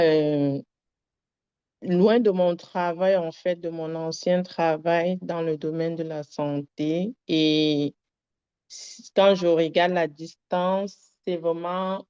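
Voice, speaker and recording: A woman's voice: on the low side, a little mellow, smooth. A young woman sharing a personal faith testimony, rambling and earnest with many fillers. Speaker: testimony giver. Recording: dull lo-fi sound.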